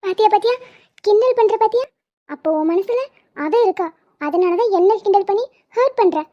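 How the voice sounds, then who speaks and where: A woman voicing a jealous, dramatic young wife in an animated comedy, whiny and accusing. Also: very high voice, normal speed, dry recording. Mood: sulky. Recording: dull lo-fi sound.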